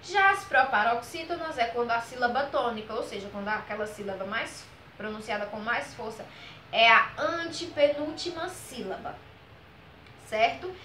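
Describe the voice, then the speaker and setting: A woman teaches a grammar lesson, her voice bright and a little high. She draws out each example word slowly and keeps checking in with her students. The recording sounds echoey, with faint room noise behind her. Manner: patient, drawn-out model words, frequent "ok?" and "certo?" checks.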